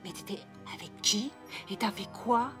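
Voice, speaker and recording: A woman's voice: mid-range voice, moderate pace, over music, natural voice. A woman quoting a suspicious male partner who repeats his questions insistently.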